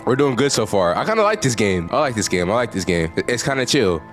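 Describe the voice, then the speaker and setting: A man giving casual, slangy gameplay commentary, reacting out loud in an animated way. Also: fairly low pitch, quick pace, soft background music. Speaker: gaming video creator.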